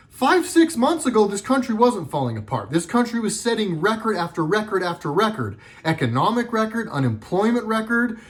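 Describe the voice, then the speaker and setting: A middle-aged man delivering a sarcastic, heated political commentary monologue with lots of emphasis. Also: high voice.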